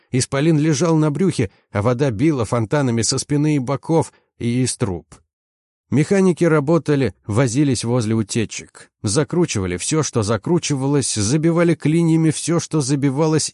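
A man's voice: mid-range voice, mellow, dry recording, clean studio sound. A man narrating a first-person audiobook in a tense, driven manner.

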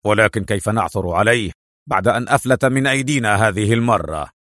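A man's voice: fairly low pitch, fast, fairly bright tone, no room sound, clean studio sound, close to an everyday voice. A man doing a sneering villain boss. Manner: bitter and mocking.

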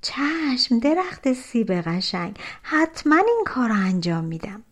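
A woman's voice: a little high, sing-song, pitched above the performer's own voice. A woman voicing a kind, eager young girl in a fairy tale. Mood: sweet.

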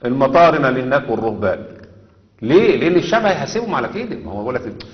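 A man's voice: medium pitch, big pitch swings, racing. A man with an Egyptian accent giving a religious lesson, stressing points and asking rhetorical questions. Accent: Egyptian Arabic. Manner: emphatic, asks rhetorical questions. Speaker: religious teacher. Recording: dull echoey hall recording.

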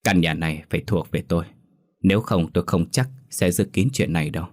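A man's voice: sits low, fairly quick, a little mellow. A man voicing a drunken, sneering husband who taunts and blackmails his wife with contempt in a ghost story. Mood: coldly menacing.

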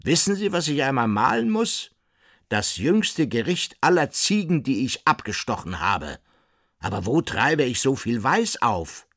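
Loud, grandiose and excitable, this eccentric butcher-painter rises high and swoops through lively pitch, as a man reads him aloud. The voice keeps a husky grain and sounds close and dry. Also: a little slow, no room sound. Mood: exalted.

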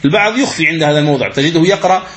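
A man teaching the rules of Quran recitation, asking questions and answering them himself, and chanting verses slowly as examples. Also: a little high, fairly bright tone. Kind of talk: religious lesson commentary.

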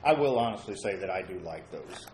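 A man with a somewhat low voice chatting as a co-host on a ghost-hunting show. He gives blunt, opinionated verdicts. The room around him is echoey. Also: expressive, fast talker, a little mellow, slight background noise. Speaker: paranormal investigator co-host. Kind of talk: casual chat.

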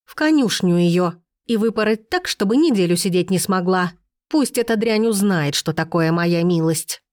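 A woman voicing a cruel, haughty noble stepmother who speaks with venom and turns shrill. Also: expressive, normal speed, a little mellow, dry recording, studio quality, close to an everyday voice. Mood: furious.

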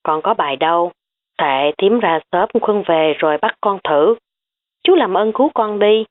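A stubborn, cheeky teenage girl, as a woman reads her out in high, quick bursts of protest. The audiobook audio is tinny and phone-like. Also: animated.

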